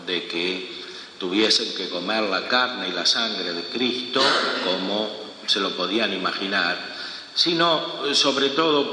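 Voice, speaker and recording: Priest with cathedral echo. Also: male voice, on the low side, pushed and bright. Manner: slow, measured delivery with long pauses. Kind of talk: reading the Gospel and preaching a homily. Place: large church. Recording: long echoing church reverb, faint room hum.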